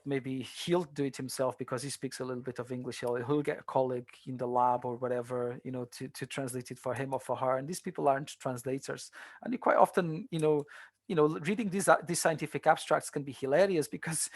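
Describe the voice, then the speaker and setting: Gravelly-voiced man teaching translation. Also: medium pitch, dry recording, clean studio sound. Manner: conversational, many fillers and restarts. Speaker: translation tutor. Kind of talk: online seminar lecture.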